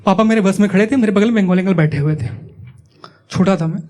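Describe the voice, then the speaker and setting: A man's voice: sits high, quick pace, warm tone. A young man from Uttar Pradesh doing stand-up, telling stories in a chatty way, teasing the audience and acting out the people in them. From Uttar Pradesh, India. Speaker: stand-up comedian. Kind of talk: stand-up comedy storytelling. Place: comedy club stage before a live audience. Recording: live show with audience laughter.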